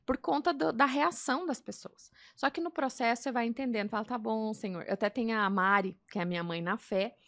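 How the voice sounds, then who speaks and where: A Brazilian woman guest telling her faith story in casual chat, acting out quoted dialogue with animated delivery. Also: a little high, fairly quick, hardly any pauses, dry recording, studio quality. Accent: Brazilian Portuguese. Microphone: podcast mic.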